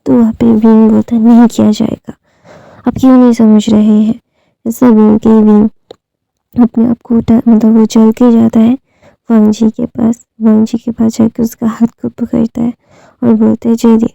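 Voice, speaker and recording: A woman retelling a fan fiction story casually, voicing the dialogue with pauses and fillers. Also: a little high, monotone, creaky, dark tone, no room sound, dull audio.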